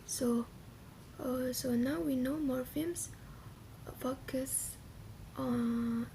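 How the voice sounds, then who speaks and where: Young woman student presenting, soft near-whisper, hesitant, fairly high voice. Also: fairly even intonation, vocal fry, a little hiss or hum, rough recording. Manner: soft, often half-whispered delivery; hesitant, with many pauses and restarts. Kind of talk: recorded class presentation.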